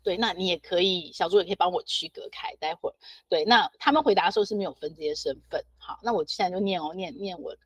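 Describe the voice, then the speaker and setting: A chatty woman hosts a relaxed podcast talk. Her voice is husky and a little breathy. The sound is dry and close, with no room around it. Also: lowish voice, quick pace, dry recording. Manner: chatty, reads out listener comments with laughs. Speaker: podcast host. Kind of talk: casual podcast interview.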